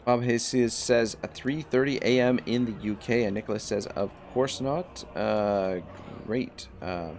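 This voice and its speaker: A man's voice: medium pitch, a little slow, hardly any pauses, darkish tone, slight background noise. A man hosting a livestream, thinking aloud in casual strategy game commentary.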